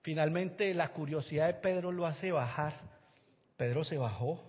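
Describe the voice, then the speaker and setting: A man with a high, bright voice preaches a lively sermon. He acts out the people he quotes and keeps asking his listeners questions. Long reverb hangs on his words, as in a church hall. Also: moderate pace.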